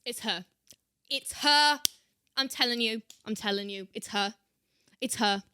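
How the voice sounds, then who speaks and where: Affecting an over-the-top British accent, the U.S.-born reaction show host plays up her commentary, echoing phrases for effect. She sounds fairly high, bright and forceful, yet smooth, and she goes a little slowly.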